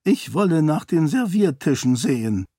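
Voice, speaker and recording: A man's voice: a little high, big pitch swings, moderate pace, warm tone, husky, no echo, studio quality, pitched above the performer's own voice. A man voicing a genial, witty elderly duke in an audiobook, in a raised, lighter, courtly voice. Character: elderly genial male duke, dry wit. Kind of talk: audiobook character voice.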